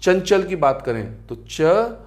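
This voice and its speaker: A man's voice: high voice, very animated, slow pace. A man teaching grammar in a lecture, often asking the class rhetorical questions and calling them friends. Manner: asks rhetorical questions, calls students friends and beta.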